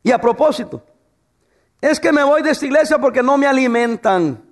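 Male pastor, sermon. High voice with lively swings, rhetorical questions and humorous asides. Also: a little fast. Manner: preaching with laughs and rhetorical questions; tells humorous stories about his wife.

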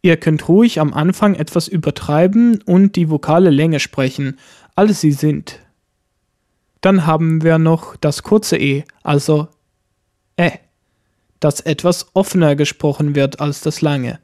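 A man teaching a pronunciation lesson, speaking carefully and saying example words slowly for learners to repeat. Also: on the high side, dark tone, no room sound, clean studio sound. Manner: slow, careful, model words spoken for repeating. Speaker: language teacher. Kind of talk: scripted language lesson.

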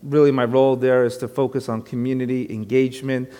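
A man in his thirties from Brooklyn preaches in a relaxed, conversational way, with plenty of fillers and a self-deprecating touch. His mid-range voice sits right in the middle for a man. The sound carries a long reverb, like a church sanctuary. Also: medium pitch, quick pace. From Brooklyn, New York. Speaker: guest pastor. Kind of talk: sermon.

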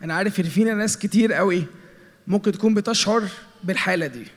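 Teasing high-voiced Egyptian preacher. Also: male voice, very fast. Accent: Egyptian Arabic. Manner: playful, teasing the audience, mixes English words. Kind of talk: sermon to a congregation. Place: large church hall. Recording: hall with long reverb and faint music.

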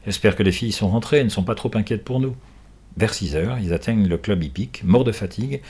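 A man reads a children's adventure novel aloud. His reading is lively, and he shifts his voice to play the different characters. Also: fairly low pitch, fast talker, slightly rough. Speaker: audiobook reader. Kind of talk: children's book read aloud.

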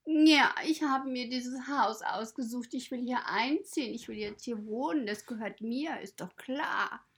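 A woman's voice: a little high, unhurried, breathy edge, voice pushed up. A woman voicing a boastful, cocky little male tomcat in a children's story, talking smugly about how cats rule everything. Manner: bragging, smug.

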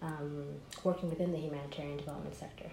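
Born in Somaliland and brought up in the US, this woman heads an NGO and recounts her story in a relaxed interview, full of warmth and frequent filler words. Her low voice comes out rapid-fire, recorded in an echoey space with slight background noise.

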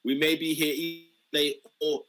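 A man's voice: on the high side, little pitch movement, a little slow, bright, forceful tone. A man in his thirties with an urban London roadman accent, hosting casual football banter in slangy, repetitive street talk. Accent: London, urban roadman slang style. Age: 30s. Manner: slangy street-style talk, repeats phrases. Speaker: podcast host and DJ.

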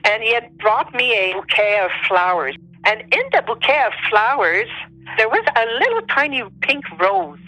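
With a higher voice, big pitch swings, a pushed, bright quality and a moderate pace, a woman tells personal stories as an interview guest on poor audio. English isn't her native language, and she chats while searching for words, seemingly translating in her head.

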